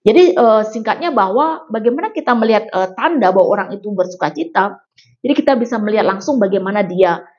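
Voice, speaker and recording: A middle-aged woman pastor talks quickly and patiently as a podcast guest. Her speech runs fast, full of small fillers. The recording is dull and lo-fi. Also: medium pitch, lively intonation, a little mellow. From Bali, Indonesia. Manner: explains patiently, many fillers. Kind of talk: casual chat.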